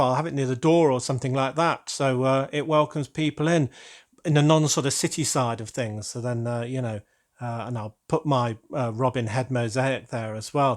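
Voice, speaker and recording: Excitable British man unboxing. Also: mid-range voice. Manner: gushing, warmly excitable, rambling asides. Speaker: LEGO channel host. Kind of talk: casual unboxing chat.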